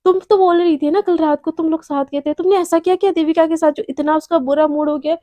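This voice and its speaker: A woman plays a demanding senior colleague who orders her junior around. The voice is high and mellow, close and dry, in a spoken love story. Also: steady tone, quick pace, no room sound. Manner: bossy, demanding.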